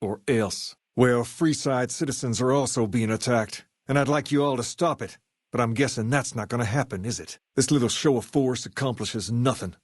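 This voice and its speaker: An actor playing a swaggering, folksy gang boss in a video game, with a laid-back Southern US drawl. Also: male voice, mid-range voice, moderate pace, slightly rough, dry recording, clean studio sound, lightly acted. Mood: indignant, defiant. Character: swaggering, folksy gang boss who idolizes a rock-and-roll singer. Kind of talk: video game character dialogue.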